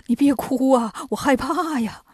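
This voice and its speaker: A woman voicing a timid monk master who talks softly and anxiously. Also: sits high, unhurried, slightly rough, no room sound, studio quality. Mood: fretful.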